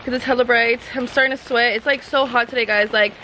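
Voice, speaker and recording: A woman of twenty-two, talking to her camera in a casual vlog, excitable and gushing, full of slang. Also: a little high, quick pace, a little hiss or hum, poor audio. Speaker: vlogger.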